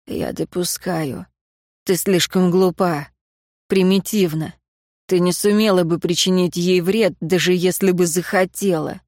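Женщина изображает озлобленного юношу, тихо и холодно. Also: female voice, on the low side, steady tone, a little slow, no echo, studio quality, lightly acted. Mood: bitter quiet. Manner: quiet, cold, contemptuous. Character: embittered young man, grieving and vengeful.

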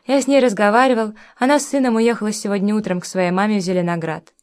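A woman's voice: mid-range voice, steady tone, fast, darkish tone, lightly acted. A woman reading the lines of an easygoing grown man who talks in a chatty, conversational way, in an audiobook. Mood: reassuring. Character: easygoing adult man, chatty and a bit defensive.

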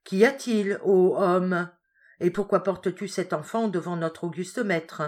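A woman's voice: on the low side, measured pace, darkish tone, natural voice. A woman voicing an alarmed vizir who questions sharply in a storybook reading.

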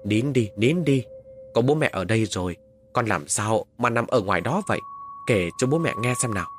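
A man voicing a worried, gentle village mother who soothes and fusses over her son, in a spoken horror story. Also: fairly low pitch, expressive, fairly quick, slight background noise. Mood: soothing. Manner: soothing, fussing.

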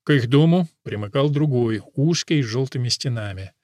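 A man reading a novel aloud as narrator in an even, measured storytelling voice. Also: medium pitch, dry recording, clean studio sound. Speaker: audiobook narrator. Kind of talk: scripted narration.

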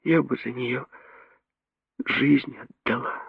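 A heartbroken young woman begs and weeps in a high, cracking voice, put on by a male narrator. Her words come out broken and husky. It sounds like an old, dull radio recording with no room around it. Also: steady tone, slow pace, dry recording, heavily acted. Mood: broken grief. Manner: broken, pleading voice. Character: grief-stricken young woman, sobbing.

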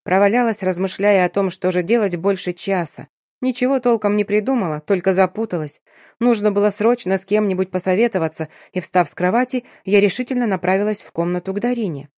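A woman narrating a first-person audiobook in a lively, expressive manner, voicing the heroine herself. Her pitch sits in a middle range. The recording is dry and close, with no room echo. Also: a little fast.

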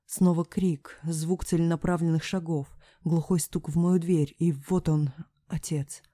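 A woman narrating a dramatic first-person audiobook with emotional delivery that moves between hushed whispers and anguished cries. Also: low voice, steady tone, unhurried, dry recording, clean studio sound.

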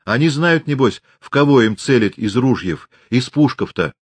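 A man's voice: medium pitch, animated, normal speed, husky, no room sound, pitched above the performer's own voice. A stubborn old peasant widow, nosy and scolding, with a folksy way of talking, played by a man narrating a novel. Her voice rises and falls a lot. It sits close and dry on the mic.

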